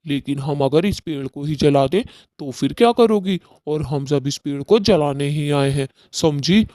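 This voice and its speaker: A man's voice: fairly high pitch, measured pace, dark tone, dry recording, clean studio sound, lightly acted. A man voicing a defiant villager in a cartoon story who issues stern ultimatums.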